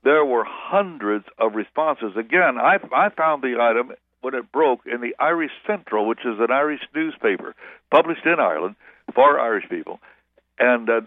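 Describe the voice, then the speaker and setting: A male pastor, appearing as a guest in a radio interview by phone, speaks at a medium pitch with animation and a normal pace, rambling and correcting himself as he goes. He's heard through a telephone on a tinny, dry phone line.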